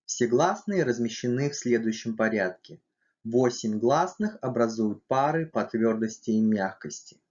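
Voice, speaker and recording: A man gives a scripted language lesson at a very slow, deliberate pace, pausing on each letter and sound. His voice sits in an ordinary middle pitch, and the recording is muffled and lo-fi. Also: animated, a little mellow. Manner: slow, careful, spelling out letters and sounds one by one. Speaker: language teacher.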